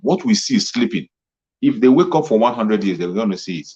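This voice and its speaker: This male political commentator has a lowish, gravelly, warm voice with a breathy edge, and he talks briskly and very animatedly. His impassioned monologue has a rallying tone and leans on repetition for emphasis. The recording is muffled and lo-fi.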